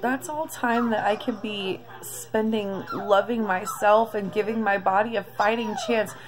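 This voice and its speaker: A woman in her thirties talking through a confessional video diary, emotional and close to tears, halting with many pauses. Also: medium pitch, crowd noise. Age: 30s. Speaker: vlogger.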